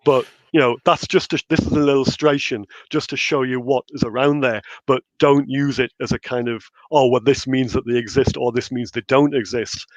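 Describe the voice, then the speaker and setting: A middle-aged man with an educated Northumberland accent, talking in a measured way as a guest in a casual conversation. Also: medium pitch, fairly even intonation, no room sound. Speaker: interview guest, researcher and author. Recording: slightly dull, band-limited call audio.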